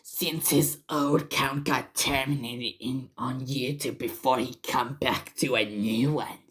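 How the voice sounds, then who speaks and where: A man doing a mocking impression of a woman reading an exposé aloud, in a breathy half-whisper that stumbles over the words. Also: mid-range voice, fairly even intonation, unhurried, a bit bright, lightly acted.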